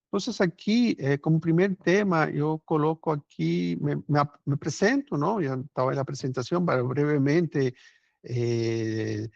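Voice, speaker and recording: Cuban-accented male presenter, raspy fry, lo-fi video-call sound, chatty with tag questions. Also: fairly high pitch, unhurried, dry recording. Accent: Cuban Spanish softened by years in Brazil. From Cuba. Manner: conversational, frequent tag questions, some restarts. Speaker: company founder presenting a webinar. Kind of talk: webinar presentation. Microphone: remote video call.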